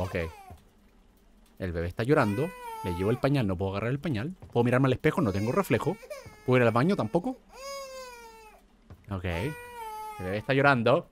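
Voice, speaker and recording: A young man hosting a gaming video, joking and talking back to a horror game as he plays. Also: a little high. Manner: excitable, jokey, talks to the game. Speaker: gamer host.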